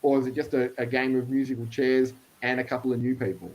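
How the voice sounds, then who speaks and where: A man's voice: medium pitch, flat delivery, quick pace, darkish tone, low-quality recording. A man co-hosting a casual motorsport chat, joking and chatty, filling his talk with "you know". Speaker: podcast co-host.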